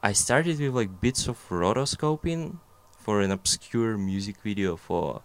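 An animator guest with a Russian accent talks casually in a fairly low, smooth, expressive voice at a slightly slow pace. The young man rambles through his thoughts, using plenty of fillers and joking at his own expense.

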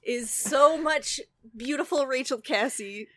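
A woman's voice: sits high, slow pace, fairly bright tone. A woman co-hosting a casual book podcast, recapping the plot in a laid-back way with lots of fillers. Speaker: podcast co-host.

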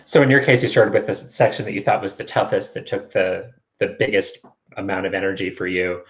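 A man hosts a conversational online interview for a test-prep show, chatty and encouraging as he questions his guest. His voice is low-pitched and brisk, captured in a rough recording.

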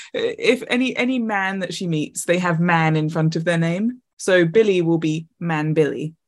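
A woman co-hosting a podcast in casual chat, talking in quick asides and laughing often. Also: fairly low pitch. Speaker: podcast co-host.

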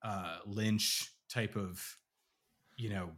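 A man's voice: fairly low pitch, fairly even intonation, drawn-out words, fairly bright tone. A man co-hosting a podcast, rambling in casual chat with lots of fillers.

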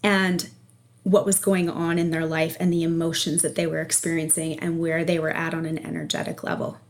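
A woman with a slightly low voice answers as a guest coach in an interview. She explains things conversationally, checking in for agreement as she goes. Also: little pitch movement, a little fast. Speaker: energy and life coach, podcast guest.

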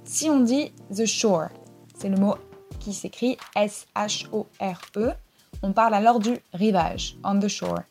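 Woman clearly spelling out words. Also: medium pitch, unhurried, a little mellow, soft background music. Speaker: podcast host. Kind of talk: scripted English pronunciation lesson.

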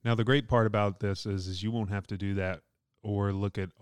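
A man's voice: on the low side, steady tone, brisk, smooth, no room sound, clean studio sound. A man, a pastor, co-hosting a casual talk show with loose, rambling speech and frequent laughter. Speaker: pastor and podcast co-host. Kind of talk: casual chat.

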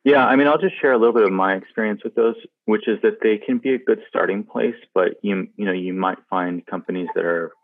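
A man's voice: lowish voice, a little fast, few pauses, dry recording. A man hosting a conversational podcast interview, thinking aloud and hedging as he talks. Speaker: podcast host. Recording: dry, tinny phone-like line.

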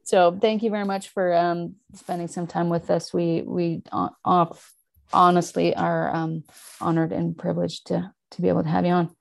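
A woman's voice: lowish voice, level tone, moderate pace, gravelly. A woman hosting a casual podcast interview. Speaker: podcast host.

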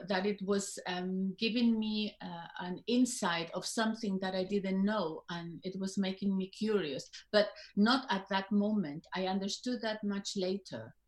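A woman in her fifties with a Spanish accent speaks reflectively, pausing and restarting her sentences as she searches for words. Her voice sits in a middling range and carries a noticeable room echo. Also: mid-range voice. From Spain. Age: 50s. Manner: reflective, halting with many fillers and restarts. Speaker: guest. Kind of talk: interview conversation.

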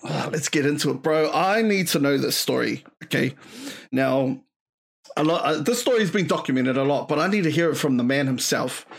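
A man's voice: fairly high pitch, expressive, brisk, gravelly, slightly rough. A man chatting casually and slangily as a podcast host. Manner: slangy, says bro often. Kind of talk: casual chat.

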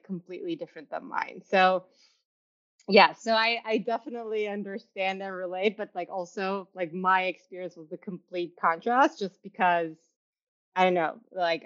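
A woman's voice: fairly low pitch, normal speed. A young woman from Turkey hosting an interview over a video call, chatty and full of restarts. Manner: chatty, many restarts and fillers, laughs often. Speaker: podcast host. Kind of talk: casual interview chat. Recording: slightly dull, lo-fi sound.

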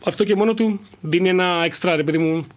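A man's voice: sits high, crowd noise. A young man, a stand-up comedian, chatting casually in an interview and thinking aloud with many fillers and restarts.

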